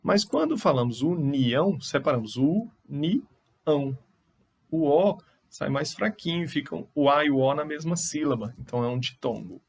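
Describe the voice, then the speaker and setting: Brazilian guy teacher going over answers, gravelly husky voice, patient step by step. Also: a little high, animated, normal speed, few pauses. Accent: Brazilian Portuguese. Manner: explains step by step, self-corrects. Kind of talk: recorded online lesson.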